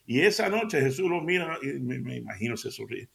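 Male preacher, gravelly, casual joking sermon delivery. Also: medium pitch, sing-song, brisk. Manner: chatty storytelling, laughs at own jokes. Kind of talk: conversational sermon with anecdotes.

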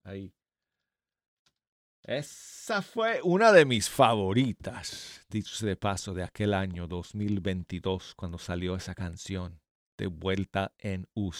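A man's voice: low voice, lively intonation, slow, no echo, studio quality. A man hosting a live radio music show in a chatty, self-deprecating way, his speech slightly impeded and lisping from new dental braces. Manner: friendly, informal, joking at himself. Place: radio studio. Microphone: close studio microphone.

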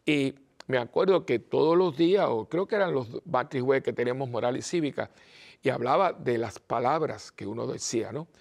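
Older man, priest, from Cuba, gravelly voice, mid-pitched, preaching, rhetorical questions. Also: normal speed. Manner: peppers talk with rhetorical questions; earnest, scolding, with hesitant fillers. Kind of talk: preaching talk.

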